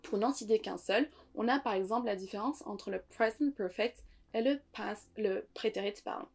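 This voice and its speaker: A woman English teacher giving an online lesson, explaining patiently and reassuringly, and pausing now and then to demonstrate words. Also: mid-range voice, a little mellow, breathy edge.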